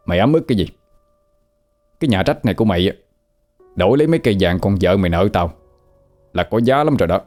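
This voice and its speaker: A man's voice: lowish voice, darkish tone, lightly acted. A man playing a cruel, mocking swindler in a spoken ghost story. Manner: sneering, threatening. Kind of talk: audio drama storytelling.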